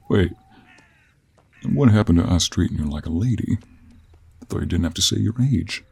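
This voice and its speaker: In this intimate, one-sided audio roleplay, a man voices a gruff, gentlemanly cowboy who hunts monsters, using a deep, exaggerated, gravelly and husky voice. He speaks with an American Western accent and a slow, polite drawl, sounding playful and fond.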